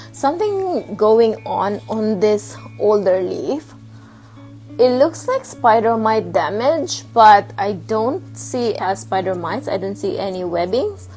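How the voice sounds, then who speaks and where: A woman vlogging casually at home, showing her houseplants and pausing to hunt for words. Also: fairly high pitch, rough recording. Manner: chatty, pauses to hunt for words. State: slightly out of breath. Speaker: plant vlogger. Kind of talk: casual show-and-tell vlog. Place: home with plant shelf, indoors.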